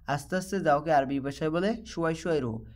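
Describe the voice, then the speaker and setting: A man with a Bangladeshi Bengali accent teaching a language lesson, repeating each phrase slowly and deliberately. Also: fairly high pitch. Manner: slow, repetitive drilling of phrases. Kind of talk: slow spoken language lesson.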